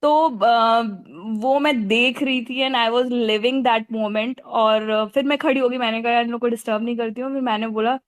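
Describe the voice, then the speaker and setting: A woman in her forties telling an animated story about meeting celebrities, laughing often and mixing in English phrases. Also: fairly high pitch, moderate pace, few pauses, no room sound. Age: 40s. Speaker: fan recounting a celebrity meeting. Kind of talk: casual storytelling.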